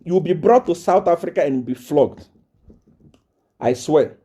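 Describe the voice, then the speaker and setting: A man's voice: fairly high pitch, animated, unhurried, dark tone. A man ranting on a live stream, boastful and threatening, repeating himself often. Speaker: self-styled prophet addressing viewers. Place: South Africa.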